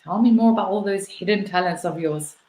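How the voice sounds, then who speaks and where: A woman's voice: medium pitch, brisk, mellow, reverberant. A woman hosting a live online interview chat from home on a video call, chatty and full of fillers. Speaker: talk show host.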